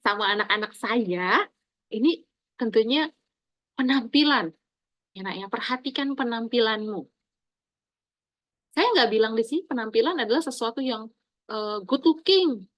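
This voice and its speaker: Lively woman lecturer with dry close sound. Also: no room sound, poor audio. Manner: animated, addresses listeners as "Nak", emphatic swings in pitch and loudness. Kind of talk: recorded lecture to students.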